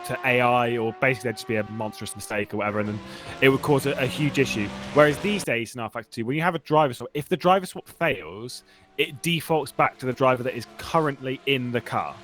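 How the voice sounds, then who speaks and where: A man's voice: medium pitch, fast. A man commentating an online race broadcast in a casual, chatty way, laughing and restarting his sentences. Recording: steady background noise.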